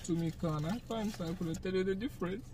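A woman's voice: fairly low pitch, quick pace, very noisy. A young Jamaican woman chatting casually while eating on camera in a parked car at night, often breaking into laughter. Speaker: vlogger. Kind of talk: casual eating-show chat.

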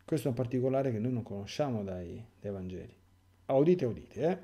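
A man's voice: mid-range voice, animated, brisk, mellow, dull audio. A male priest reading a sacred story aloud for a catechesis class, narrating expressively and stopping to add asides to his listeners.

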